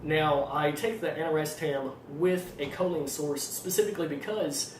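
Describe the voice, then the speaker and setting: A man with an Arkansas accent explaining things informally as a trainer, in a fairly monotone voice with a slight tendency to stutter. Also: on the high side, normal speed. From Arkansas, United States. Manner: self-described monotone delivery. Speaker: fitness trainer presenting supplement advice. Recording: roomy echo, distant mic, faint noise.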